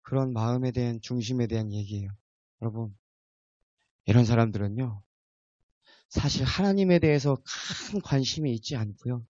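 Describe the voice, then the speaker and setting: A man's voice: medium pitch, moderate pace, pauses often, no room sound, muffled recording. Man preaching a Korean sermon. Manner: rises to emphatic peaks, drops to soft asides, asks the congregation questions.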